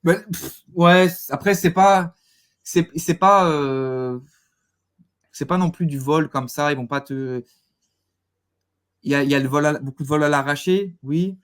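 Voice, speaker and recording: A man giving a casual interview as a guest, haltingly repeating words as he searches for phrasing. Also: a little high, smooth.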